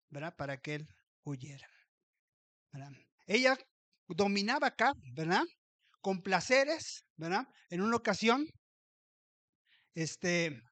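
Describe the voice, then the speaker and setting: A man's voice: high-pitched, fairly bright tone, dry recording. A man preaching a sermon as pastor, telling the story vividly, acting out the characters' lines and often asking his listeners for agreement. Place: church.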